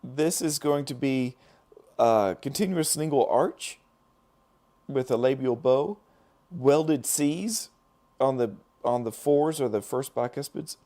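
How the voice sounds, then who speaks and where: Working as a dental lab technician, this middle-aged man runs a laid-back live stream, talking to viewers in a hoarse, fading voice full of fillers and false starts. He speaks at a medium pitch with a warm tone.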